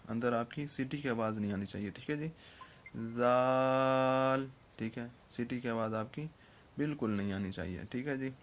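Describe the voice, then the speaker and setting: A man's voice: mid-range voice, a little hiss or hum. A man teaching Quran letter pronunciation in an online lesson, patiently checking in after each point and drawing out the letter sounds.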